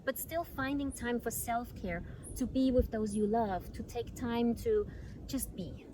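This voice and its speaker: A woman's voice: a little high, measured pace. Woman from Austria, community manager, fluent interview answers, noisy outdoor take. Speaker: community manager and yoga teacher.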